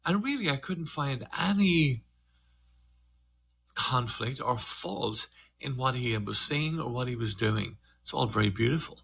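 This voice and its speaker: With an expressive, creaky, husky mid-range voice and a fairly bright tone, an older Irish meditation teacher tells his story. He is earnest and reflective in the group conversation, sometimes slowing down and sometimes speeding up.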